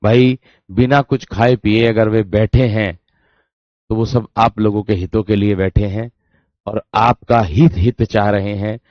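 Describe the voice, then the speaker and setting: A man's voice: lowish voice, steady tone, a little slow, dry recording. Male teacher, online grammar class, repetitive friendly address, says syllables aloud, dry muffled recording. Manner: addresses students warmly as dear friends, repeats phrases; demonstrates sounds aloud, repeating syllables. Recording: dull dry lo-fi sound.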